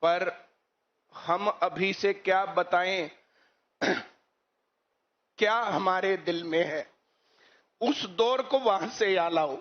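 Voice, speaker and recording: A man's voice: sits high, extremely slow, long pauses. A man, a coaching teacher who lectures students on current issues and keeps asking rhetorical questions. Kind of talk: speech to students. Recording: muffled lo-fi recording.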